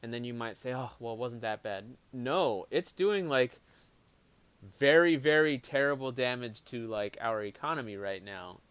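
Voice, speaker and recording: A man's voice: medium pitch, lively intonation, moderate pace, a bit bright, clear, resonant tone, dry recording. A man co-hosting a casual live-stream chat, reading viewer comments aloud and talking in restarts. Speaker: co-host.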